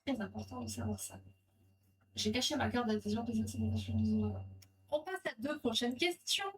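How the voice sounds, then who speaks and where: A woman's voice: a little high, a little fast. A French woman hosting a live stream, chatting casually with viewers and reading out quiz questions in a rambling, easygoing way. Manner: chatty, rambling, reads viewer comments aloud. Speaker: livestream host. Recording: distant mic with music behind.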